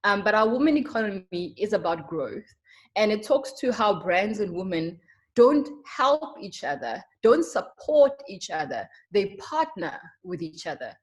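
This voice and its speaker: A young South African woman with a South African accent, a marketer giving an earnest, emphatic webinar presentation with frequent ums. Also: medium pitch. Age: young adult.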